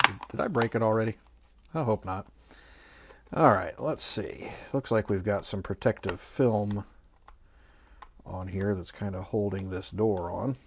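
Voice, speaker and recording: The host of an electronics review channel gives a casual, unscripted product review, thinking aloud in a musing, hesitant, mildly skeptical way. He has a lowish voice and a measured pace with long pauses, and there's a little hiss or hum in the audio.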